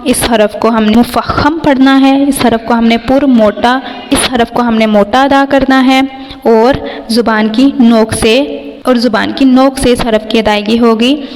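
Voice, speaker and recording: A woman's voice: a little high, steady tone. Urdu-accented woman teaching in a reverberant hall. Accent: Pakistani Urdu. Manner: draws out each letter slowly, then explains plainly. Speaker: Quran reading teacher. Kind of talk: slow instructional tajweed lesson.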